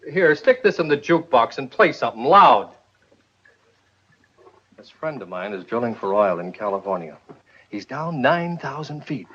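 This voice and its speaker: An actor playing a slick, fast-talking schemer pitching a deal to a friend, in 1950s film acting. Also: male voice, sing-song, bright, forceful tone, breathy edge, full character voice. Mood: persuasive. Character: slick con-man friend, pushy. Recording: dull old film soundtrack with music.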